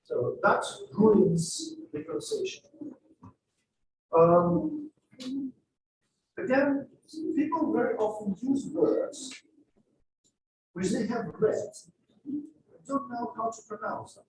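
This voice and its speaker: A man from Uzbekistan lecturing a class on spoken English, explaining points in an animated, demonstrative way. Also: very high-pitched, takes it slowly, pauses often, slight background noise. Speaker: English teacher. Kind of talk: lecture on exam speaking skills. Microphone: distant room mic. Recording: very echoey room, voice from far off.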